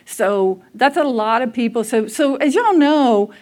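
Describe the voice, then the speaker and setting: A woman's voice: a little high, expressive, measured pace, darkish tone. A woman preaching a conversational sermon, telling personal stories candidly and laughing at herself. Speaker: speaker at a church service.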